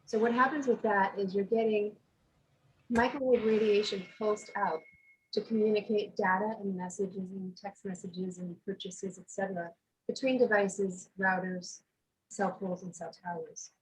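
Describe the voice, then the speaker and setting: A woman giving earnest, steady remarks as a guest speaker at a neighborhood online meeting, her voice muffled over the video call. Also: mid-range voice, normal speed, slight background noise. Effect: muffled sound over a video call.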